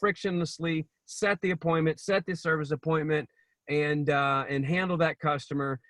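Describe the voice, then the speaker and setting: A man's voice: on the high side, fairly even intonation, moderate pace, fairly bright tone, dry recording. A man hosting a talk, speaking in an earnest, exhorting way and repeating words for emphasis. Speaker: talk show host. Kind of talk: motivational talk to business peers.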